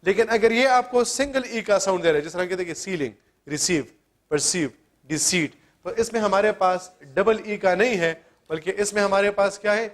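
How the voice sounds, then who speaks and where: A man with a notably high voice gives a classroom grammar lesson. He keeps asking questions and answering them himself. He spells words out letter by letter as he walks through each rule. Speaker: English teacher.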